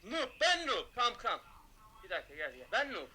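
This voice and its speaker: A man streaming a shooter game, taunting opponents with loud mocking shouts and quick low asides to his chat. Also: wildly swooping pitch, breathy edge. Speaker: gaming streamer. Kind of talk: excited gameplay commentary.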